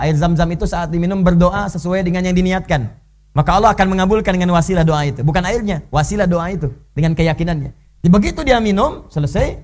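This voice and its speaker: A man giving an animated sermon in a mosque, telling stories with lively dramatic delivery and an Indonesian accent. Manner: animated storytelling, leaps high when voicing characters. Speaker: preacher.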